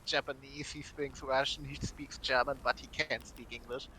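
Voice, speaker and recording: Bright, giggly man rambling. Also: medium pitch, fairly even intonation, normal speed, slight background noise, rough recording. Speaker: player. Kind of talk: casual tabletop game chat.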